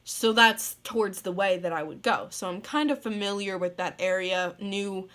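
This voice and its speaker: A young woman from the northeastern US rambling through a story in a casual vlog, full of "like" and quick laughs. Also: mid-range voice, fairly bright tone. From northeastern United States. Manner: rambling, lots of "like", laughs mid-sentence. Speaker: vlogger.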